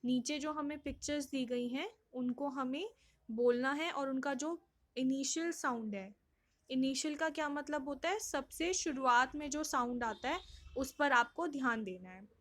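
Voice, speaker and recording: Woman teacher for small kids, Indian English accent, high voice, unhurried, repeats everything patiently. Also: a bit bright. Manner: slow, patient, repeats questions and answers for young children. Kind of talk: online class lesson.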